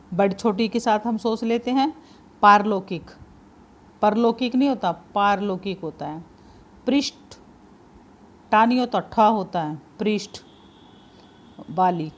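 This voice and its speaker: A woman teacher patiently explaining spelling for exam preparation, spelling words out slowly and repeating the important points. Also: medium pitch. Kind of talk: spelling lesson for exam prep.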